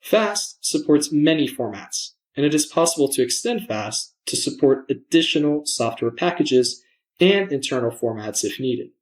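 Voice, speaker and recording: Presenting a software demo from a script, this man enunciates carefully in a measured, explanatory way. His voice sits at a medium pitch with lively intonation.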